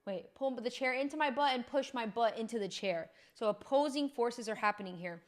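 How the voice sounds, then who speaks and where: A woman's voice: a little high, fairly bright tone. A young woman fitness coach explaining gym technique in a chatty, upbeat, informal way. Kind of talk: casual instructional talk.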